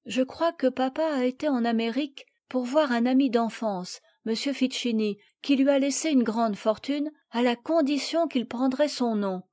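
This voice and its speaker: A gentle young girl, read by a woman. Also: sits high, normal speed, few pauses, lightly acted. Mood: plain.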